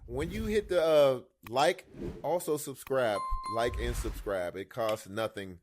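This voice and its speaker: A man's voice: mid-range voice, measured pace, over music. A man hosting a casual podcast, joking around with lots of laughter and swearing. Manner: laughing, profane, loose banter. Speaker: host.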